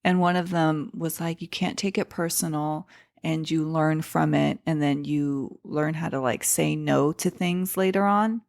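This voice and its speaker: A stand-up comedian in her thirties, born in Iran and raised in Seattle with Persian as her first language, chats casually as a podcast guest, telling stories with fillers and restarts. Her low voice is creaky and a little mellow, with fairly even intonation and a measured pace.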